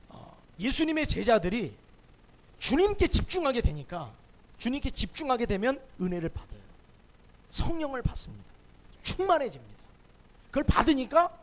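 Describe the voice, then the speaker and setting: Male pastor, high and animated, emphatic sermon with rhetorical questions.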